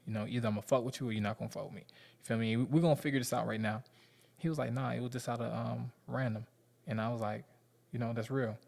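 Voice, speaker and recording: A man's voice: medium pitch, steady tone, fast, creaky, a little mellow. A man in his thirties with a Southern US accent, talking candidly and rambling to his viewers in slangy casual speech. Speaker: vlogger.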